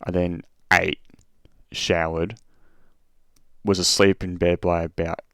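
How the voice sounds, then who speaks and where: Gravelly deep-voiced sleep-deprived streamer. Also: male voice, little pitch movement, slow, fairly bright tone, dry recording, studio quality. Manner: rambling, swearing, stuttering restarts. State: short on sleep. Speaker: streamer and race host. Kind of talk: casual chat over a race replay.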